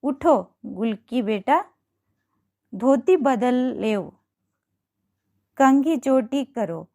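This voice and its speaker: A woman's voice: on the high side, animated, very slow, a little mellow, full character voice. A woman voicing a kindly middle-aged mother who speaks in a soothing, motherly way in a told story. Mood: gentle consoling.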